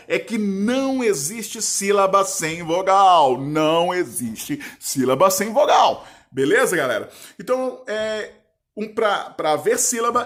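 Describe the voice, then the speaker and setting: A male teacher with a voice pitched a little high. He teaches a grammar lesson didactically, often pausing to ask if the viewer is following. He draws words out slowly when he breaks them into syllables. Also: a bit bright.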